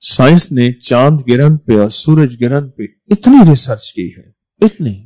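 A man giving a religious sermon, repeating phrases for emphasis and swinging between loud stresses and soft drops. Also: mid-range voice, animated, poor audio. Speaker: preacher.

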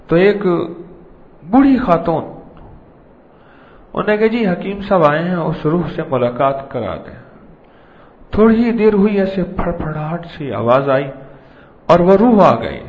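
Gravelly man preaching in repetitive cadence. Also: a little high. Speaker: Sufi preacher. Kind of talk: devotional sermon. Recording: dull lo-fi recording.

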